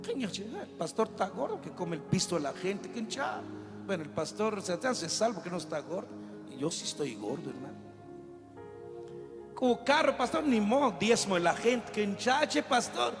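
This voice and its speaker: A man's voice: high-pitched, big pitch swings, normal speed. A man preaching a sermon, with a fervent, joking delivery. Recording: reverberant hall with music behind.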